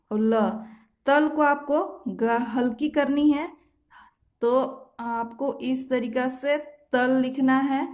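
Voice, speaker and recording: Slow, high-voiced woman shorthand teacher. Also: darkish tone. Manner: slow, patient explanations with self-corrections and repeated examples. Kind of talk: step-by-step instructional lesson. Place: home.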